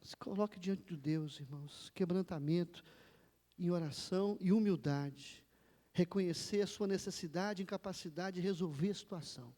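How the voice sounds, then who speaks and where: A Brazilian pastor with a strikingly high voice delivers a fervent sermon. He drops to low, earnest pleading, then climbs to loud, impassioned exhortation. The sound carries a long reverb from the church hall. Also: normal speed. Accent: Brazilian Portuguese.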